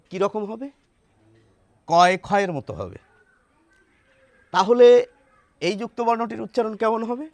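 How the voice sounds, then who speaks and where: High-voiced man teaching, dry sound. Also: dry recording. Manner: asks rhetorical questions to viewers; recites rhymes slowly and deliberately. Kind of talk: explanatory lesson.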